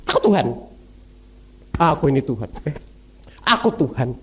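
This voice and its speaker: A man's voice: a little high, very animated, normal speed, pitched below the performer's own voice. A man voicing a boastful tyrant king who claims to be a god, speaking in an arrogant, commanding way and repeating his boasts.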